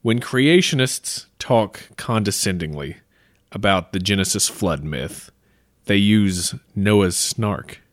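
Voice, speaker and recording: A man's voice: fairly low pitch, animated, slow pace, no room sound, clean studio sound. A man co-hosting a podcast in casual comedic chat, setting up pun jokes dryly with hesitant fillers. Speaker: podcast co-host.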